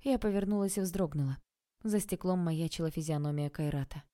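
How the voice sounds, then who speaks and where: A woman's voice: fairly low pitch, brisk, dark tone. A woman narrating a first-person audiobook expressively, acting out the dialogue.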